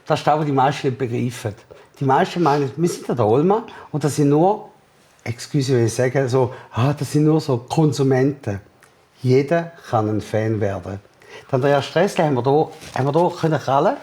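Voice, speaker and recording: A man's voice: mid-range voice, normal speed. A man with a Swiss German accent, an entrepreneur in an interview, telling a story with energy and acting out the dialogue. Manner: lively, acts out the other people's lines in quoted dialogue.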